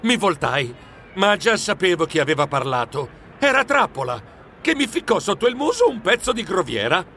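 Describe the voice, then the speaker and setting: A man narrating a children's audiobook in the first person as a fussy mouse editor, expressive and storytelling. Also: high voice, moderate pace, slight background noise.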